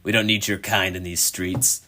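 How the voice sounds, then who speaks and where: A man's voice: low-pitched, flat delivery, moderate pace, a little hiss or hum. A rude young shop lad snaps orders in a raised, scornful voice, as a man running the game puts him on. He talks down to everyone he meets. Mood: contemptuous. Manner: loud, contemptuous orders.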